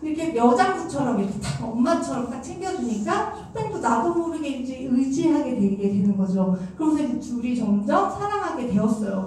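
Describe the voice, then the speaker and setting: A woman giving a lively music lecture, telling stories and acting out what people said, with a chatty manner. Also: high voice, slight background noise. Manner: animated, acts out quoted remarks, chatty fillers. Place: large concert hall. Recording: echoey hall, voice from far off.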